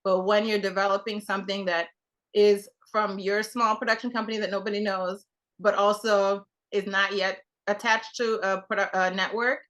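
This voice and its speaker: Bright-voiced young woman from Trinidad, rambling. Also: medium pitch, flat delivery, moderate pace. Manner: rambling, many fillers and restarts. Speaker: television producer, guest. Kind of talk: casual conversation.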